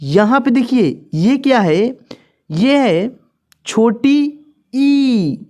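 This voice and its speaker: Slow, patient woman teaching letters. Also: fairly high pitch, expressive, warm tone. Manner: patient, repeats each letter slowly, addresses viewers as friends. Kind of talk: slow beginner lesson.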